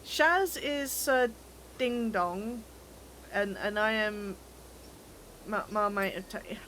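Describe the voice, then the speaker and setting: A young British woman streaming a game and talking to her viewers in a relaxed, chatty way. Her voice sits at a middle pitch. A faint hum of background noise lingers under her desk microphone. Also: slow pace. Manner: chatty, teasing, laughs often, stumbles and repeats words. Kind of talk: casual chat while gaming, reading chat.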